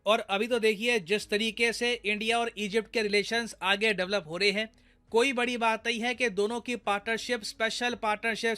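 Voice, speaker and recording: A young man with an Indian accent explains foreign affairs in a chatty way and speaks straight to his audience. His voice sits high and sounds bright. It is smooth and clear. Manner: conversational, addresses viewers directly. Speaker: news explainer.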